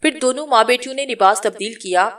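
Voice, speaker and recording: A woman's voice: fairly high pitch, a bit bright, far from the mic. Woman reading a novel aloud. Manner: reads all the characters' lines in her own voice. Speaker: storyteller. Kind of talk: scripted novel narration.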